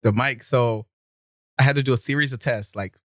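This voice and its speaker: A man's voice: medium pitch, steady tone, moderate pace, dry recording, clean studio sound. A young man, a podcast guest, telling stories in a loose, laid-back way, laughing often. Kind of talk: casual storytelling. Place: podcast studio.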